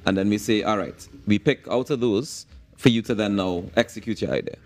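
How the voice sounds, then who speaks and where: Fast-talking Trinidadian man, morning radio DJ style. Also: on the low side, darkish tone. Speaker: morning show host. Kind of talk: lively morning radio-style presenting and interviewing.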